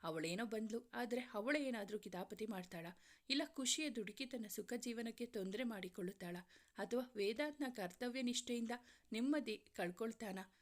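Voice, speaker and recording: A woman narrating a serialized romance story in a calm, measured storytelling way. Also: on the high side.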